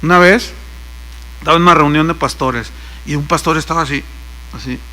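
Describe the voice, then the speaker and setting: A man's voice: fairly high pitch, brisk, bright, forceful tone, slight background noise. A man with a Mexican accent preaching a sermon, telling stories and acting out the dialogue, with joking asides. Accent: Mexican Spanish. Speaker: pastor. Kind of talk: sermon with anecdotes.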